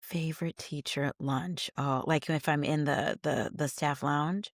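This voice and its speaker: A woman's voice: low voice, measured pace, no room sound, clean studio sound. A middle-aged woman, an educator, chatting casually as an interview guest, telling stories with fillers and laughs. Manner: animated storytelling with laughs and fillers.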